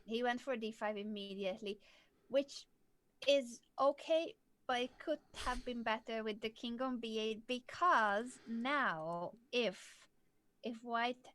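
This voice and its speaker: A woman's voice: fairly high pitch, slow pace, a bit bright, no echo, low-quality recording. A young woman from southern Hungary, explaining chess moves in a casual livestream lesson and laughing often. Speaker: chess coach.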